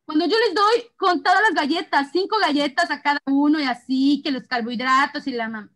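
A woman's voice: high-pitched, a little fast. A woman in her thirties with a Mexican accent, chatting casually with her sister as co-host and telling family stories with lots of laughter. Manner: animated storytelling, laughing often. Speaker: co-host of an essential oils channel. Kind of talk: casual chat between sisters.

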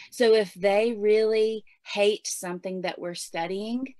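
Speaking as a homeschooling guest, this woman in her forties gives relaxed, talkative advice and uses plenty of fillers. Her voice sits at medium pitch, recorded without echo.

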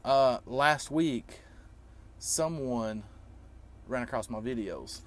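A trucker vlogger in his thirties talks slowly in a mid-range voice, addressing his viewers informally. He explains things emphatically and repeats himself to drive his points home.

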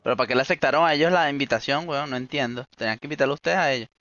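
Gamer calling the plays, casual swearing, dry muffled lo-fi audio. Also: male voice, medium pitch, racing, a bit bright, no echo. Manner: organizes the team, gives instructions, swears casually. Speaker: online game player. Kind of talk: casual gaming voice chat.

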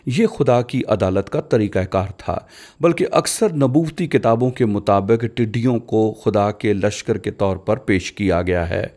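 A man voicing a dubbed sermon, giving a measured, explanatory teaching delivery. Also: fairly low pitch, a little mellow. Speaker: preacher voice-over.

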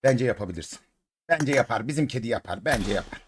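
Excitable Turkish man chanting over a game. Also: medium pitch, quick pace, background noise. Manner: excitable, chanting repeated words, coaxing his cat. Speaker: mobile game streamer. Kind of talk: casual gameplay commentary.

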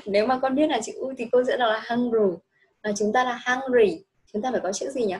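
A woman's voice: a little high, steady tone, rapid-fire, darkish tone, poor audio. A woman teaching a child English, patient and coaxing, repeating each answer back. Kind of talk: one-on-one children's English lesson.

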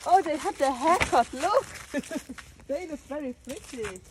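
With a high-pitched, expressive voice and an unhurried pace, a garden vlogger chats her way around her outdoor garden, indicating things as she walks. Background noise runs under the casual tour.

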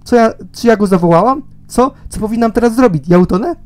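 A man's voice: high voice, quick pace, a little mellow, pitched above the performer's own voice, lightly acted. A man voicing a frightened young girl who pleads in a raised, whiny voice. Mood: panicked.

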